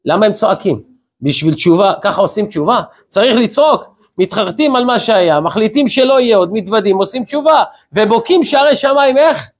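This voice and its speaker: A man's voice: sits high, expressive, hardly any pauses. A male rabbi preaching a sermon to a congregation, firing off rhetorical questions and telling stories with quoted exchanges. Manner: acts out short quoted exchanges in storytelling.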